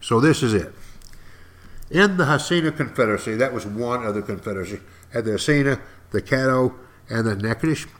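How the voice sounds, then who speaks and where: A man's voice: medium pitch, lively intonation, a bit bright. East Texas man telling folksy history. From East Texas, United States. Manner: folksy, wry, emphatic pauses and repetition. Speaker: podcast host and history storyteller. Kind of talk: informal history monologue.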